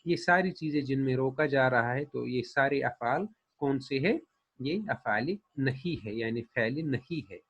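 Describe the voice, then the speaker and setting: A man's voice: medium pitch, moderate pace, a bit bright, breathy edge, highs cut off. A man teaching grammar patiently, saying each example and then translating it. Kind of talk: explaining a lesson.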